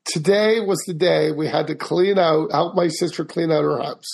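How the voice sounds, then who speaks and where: A man's voice: a little high, fairly even intonation, normal speed, gravelly. A man co-hosting a podcast in casual, joshing, rambling chat. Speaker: podcast co-host.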